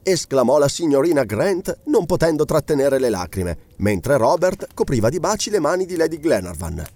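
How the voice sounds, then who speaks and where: A man narrating a classic novel aloud in an expressive, dramatic reading style. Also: a little high, moderate pace, dry recording. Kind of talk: audiobook reading.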